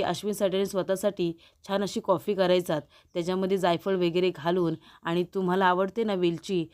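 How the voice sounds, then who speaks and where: A woman voicing a caring middle-aged wife in a serial recap, gentle and coaxing. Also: mid-range voice, natural voice.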